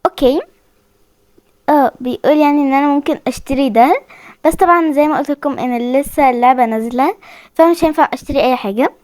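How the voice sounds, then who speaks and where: A woman's voice: high voice, quick pace, a little mellow, dry recording. A young woman with an Egyptian Arabic accent, commenting on a horror game she plays, jumpy and frightened, squealing and pleading as she goes. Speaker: gaming channel host.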